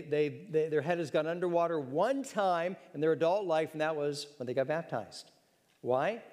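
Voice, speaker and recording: A man's voice: fairly high pitch, darkish tone. Man preaching in a reverberant sanctuary. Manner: earnest preaching, clears throat now and then. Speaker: pastor. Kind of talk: sermon. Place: church sanctuary.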